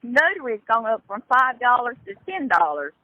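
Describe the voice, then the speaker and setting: High-voiced woman on a tinny jail phone call. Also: sing-song, moderate pace, pushed and bright, no room sound. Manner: chatty, repeats herself with small stammers. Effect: heard over a prison phone line. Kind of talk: casual phone chat.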